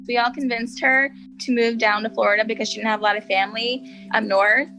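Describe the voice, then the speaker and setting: Bright-voiced woman remembering her sister. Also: a little high, steady tone, brisk, soft background music, rough recording. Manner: chatty, with frequent "like" fillers. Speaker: interviewee, sister. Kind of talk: casual interview recollection.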